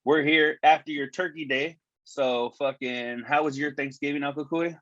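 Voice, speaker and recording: A man's voice: on the high side, steady tone, normal speed, a bit bright, dry recording. A man co-hosting a podcast in casual chat, rambling with lots of cursing and fillers, his voice tinny from an earbud microphone. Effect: tinny sound from earbud microphone. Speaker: podcast co-host. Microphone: wireless earbuds as microphone. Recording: dull lo-fi earbud mic, dry.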